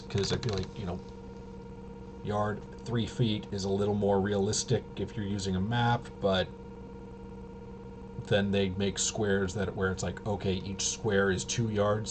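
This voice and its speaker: A male host with a lowish voice rambles casually through the rules of a tabletop game. His delivery is halting and off the cuff, trailing off and correcting himself. The recording is noticeably noisy, with clear, steady background noise.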